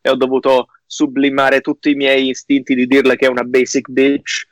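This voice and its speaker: A man's voice: medium pitch, completely flat delivery, moderate pace, dry recording. A man, chatting casually as a podcast host in an emphatic, slangy way with English words mixed in. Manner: emphatic, slangy, mixing English phrases into his talk. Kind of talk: casual chat, joking commentary.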